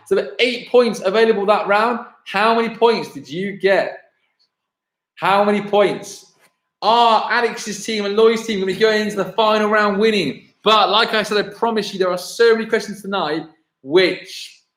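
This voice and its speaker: Quiz host, male, fairly high voice, rambly and self-correcting, echoey room. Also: normal speed, a bit bright. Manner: chatty, self-correcting, thinks aloud between questions. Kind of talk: live-streamed pub-style quiz hosting.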